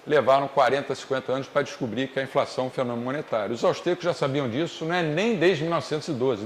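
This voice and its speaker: A man with a Brazilian Portuguese accent giving a classroom economics lecture, explaining step by step and slowing down on key points. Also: medium pitch. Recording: echoey classroom, faint noise.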